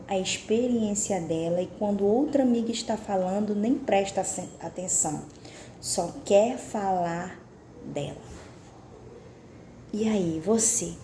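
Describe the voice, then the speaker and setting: Mellow-voiced woman reading and reflecting. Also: mid-range voice, slow, reverberant, slight background noise. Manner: reflective, confessional, asks the listener direct questions. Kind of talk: reading a book aloud with personal commentary.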